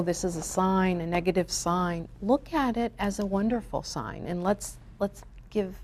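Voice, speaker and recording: A woman's voice: lowish voice, gravelly, dark tone. A woman hosting a spiritual talk show, speaking in an earnest, reflective and uplifting way. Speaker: show host. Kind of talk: spiritual talk radio chat.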